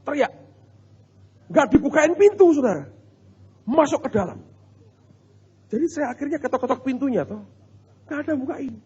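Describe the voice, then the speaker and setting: A male pastor, preaching in an animated, humorous storytelling way and talking straight to his congregation. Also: very high voice, moderate pace, long pauses. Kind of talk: storytelling sermon. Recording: muffled recording in a reverberant hall.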